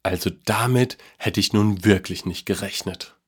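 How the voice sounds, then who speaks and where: A man voicing a kind, tired old grandfather in a storybook reading, speaking gently and softly. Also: fairly low pitch, moderate pace, slightly rough. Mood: warm, gentle. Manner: gentle, soft, a bit tired.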